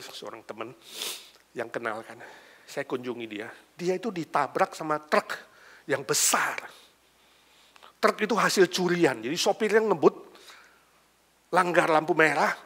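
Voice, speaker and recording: An older male pastor preaching a sermon, telling a story and swinging between loud emphatic lines and hushed, almost whispered ones. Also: on the high side, vocal fry, husky.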